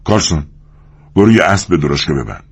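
A man voicing a calm, authoritative lead ranch hand who gives steady orders. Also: low voice, gravelly, breathy edge, full character voice. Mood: firm.

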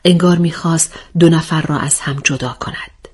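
Breathy low-voiced woman narrating a story. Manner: expressive, measured reading.

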